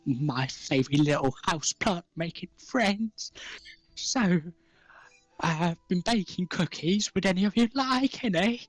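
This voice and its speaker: A man's voice: high-pitched, lively intonation, dry recording, soft background music, pitched above the performer's own voice, heavily acted, low-quality recording. A man voicing a frail, kindly old woman in a tabletop game, with a shaky voice and hesitant, doddering manner. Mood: warm welcome. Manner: slow, hesitant, doddering, gently fussy. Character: frail, short, hunched old human woman, kindly and welcoming. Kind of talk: tabletop role-play character voice.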